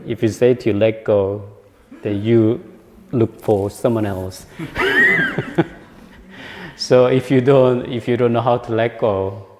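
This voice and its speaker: A man's voice: medium pitch, steady tone, measured pace, pauses often, background noise. A man giving a dharma talk, hesitant and searching for words, often laughing. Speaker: meditation practitioner giving a talk. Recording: long hall reverb.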